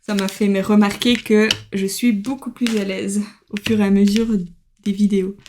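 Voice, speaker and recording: A woman's voice: medium pitch, level tone, moderate pace, darkish tone, slight background noise. A woman giving a casual tarot reading to camera, chatty, with many fillers and laughs. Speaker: tarot card reader.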